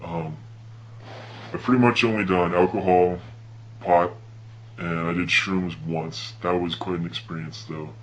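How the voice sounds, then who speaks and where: A young man from Hawaii telling a personal story in a laid-back, slangy, animated way. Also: low voice, a little slow, pauses often, poor audio. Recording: noticeable hum and background noise.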